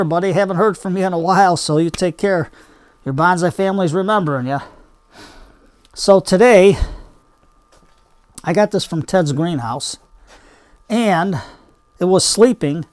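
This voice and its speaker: Older man, higher-pitched homespun chatter. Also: moderate pace, long pauses, no room sound. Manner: chatty, homespun, rambling asides. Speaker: bonsai hobby video host. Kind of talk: casual hands-on demonstration.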